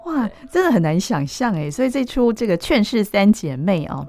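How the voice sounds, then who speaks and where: A woman's voice: mid-range voice, big pitch swings, moderate pace, a little mellow, faint music behind. A woman hosting a casual interview, speaking Taiwanese Mandarin and filling the talk with affirming interjections. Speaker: radio host.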